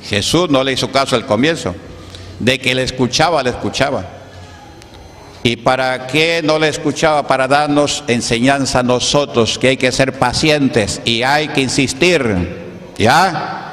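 A man preaches a Pentecostal sermon at a mid-range pitch. He keeps throwing rhetorical questions at his congregation. His voice rings with the long echo of a church hall. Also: measured pace, a bit bright, slight background noise. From Peru. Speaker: pastor.

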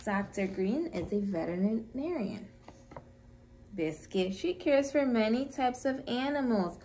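A woman who is a preschool teacher, reading a picture book to young children in a gentle storytime voice. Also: on the high side, animated, slight background noise, poor audio. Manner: gentle, slow, sing-song storytime delivery.

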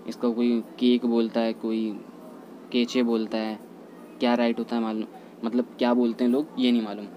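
A man teaching English pronunciation in a lesson, repeating each word slowly and carefully. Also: medium pitch, warm tone, a little hiss or hum, low-quality recording. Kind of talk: Hindi-language pronunciation lesson.

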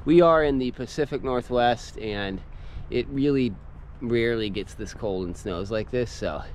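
A man in his thirties vlogs casually on a snowy rural homestead, talking to an action camera he holds or has strapped on while he works and explains his gear. His mid-range voice moves at a measured pace and is a little mellow, and he's easygoing and chuckles often. The audio is poor, with a little hiss or hum.

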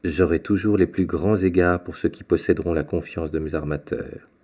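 A man voicing an earnest, respectful young sailor in an audiobook, speaking a little higher than his own narration. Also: steady tone, moderate pace, a little mellow.

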